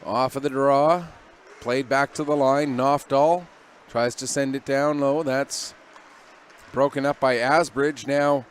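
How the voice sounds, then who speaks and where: A man calling amateur ice hockey play-by-play at a local rink, giving brisk running calls of each play. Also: mid-range voice, fairly even intonation, slight background noise. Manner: brisk running play calls, rising when the action peaks. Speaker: play-by-play commentator.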